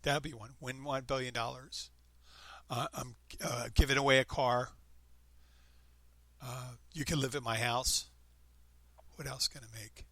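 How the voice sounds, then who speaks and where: A man's voice: medium pitch, steady tone, measured pace, long pauses, sharp tone, no room sound. A man in his fifties hosting a podcast, chatting casually and rambling with frequent restarts. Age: 50s. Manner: rambling, upbeat, self-interrupting. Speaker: podcast host. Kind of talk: casual chat.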